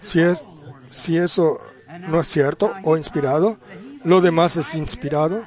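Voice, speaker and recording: A man's voice: on the high side, steady tone. A man preaching a sermon, telling a story and putting rhetorical questions to the congregation. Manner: unhurried, with drawn-out pauses.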